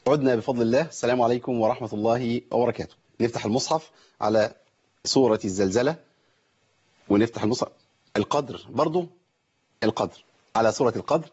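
A man with an Egyptian accent teaching Quran recitation rules on a call-in broadcast, quizzing listeners in rapid explanations and reciting verses slowly in a melodic chant. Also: medium pitch, darkish tone, breathy edge, muffled recording. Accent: Egyptian Arabic. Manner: quick explanatory chatter with question-and-answer drills, slow melodic recitation. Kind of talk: tajweed lesson on a call-in broadcast.

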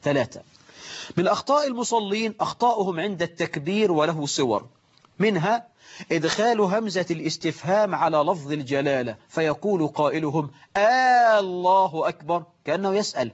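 Egyptian preacher with a dull recording. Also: male voice, a little high. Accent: Egyptian Arabic. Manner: lively, mimics worshippers, scolds, slows to recite quotations. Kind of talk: religious lesson on prayer.

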